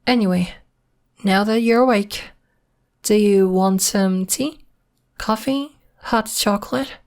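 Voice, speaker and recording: Here a woman with a mid-range voice takes on the role of a young werewolf, secretive yet polite and protective, in ASMR roleplay. Measured, hesitant and matter-of-fact, she sounds worried and a little reproachful.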